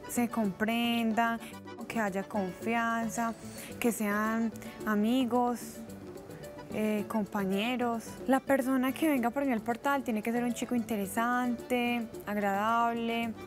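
A young Colombian woman of eighteen speaks with a Colombian accent in a slightly high voice. She talks calmly and thoughtfully, and music plays clearly underneath. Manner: calm, measured, reflective. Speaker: show contestant. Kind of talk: self-introduction to camera. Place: studio set with heart decorations. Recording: clean with music behind.

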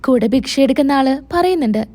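A woman's voice: high-pitched, lively intonation, fast talker, dark tone. A woman retelling a TV serial episode, narrating the scenes and speaking each character's lines in her own voice.

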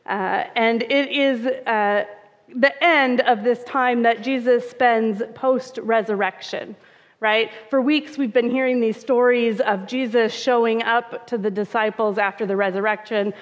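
A woman's voice: a little high, steady tone, measured pace. A woman pastor giving a conversational sermon, with touches of humor and frequent "uh" fillers. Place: church sanctuary. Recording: reverberant, dull church sound.

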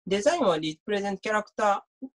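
A man's voice: high-pitched, expressive, very fast, a bit bright. A university lecturer giving an online mock class, chatty and reading out viewer comments as he talks.

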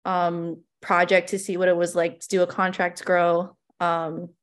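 A woman's voice: lowish voice, monotone, a little slow. A woman in her twenties from Hawaii, a small farm owner giving a conference presentation over a video call, talking casually with many fillers. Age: 20s.

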